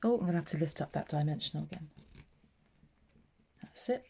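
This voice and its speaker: A woman from southeast England narrates her own papercraft tutorial step by step in a casual, chatty way. Her low, mellow voice is gravelly and unhurried with lively intonation, and a little hiss or hum sits in the recording.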